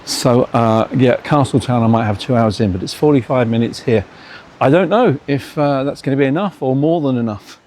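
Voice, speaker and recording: A man chats to his handheld camera on a railway day trip, upbeat, easy and ready to laugh at his own slips. His voice sits at an everyday middle pitch, with a faint hiss of outdoor noise behind him. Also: normal speed, hardly any pauses, darkish tone. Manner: chatty, upbeat, self-deprecating. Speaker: travel vlogger. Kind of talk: casual travel vlog narration.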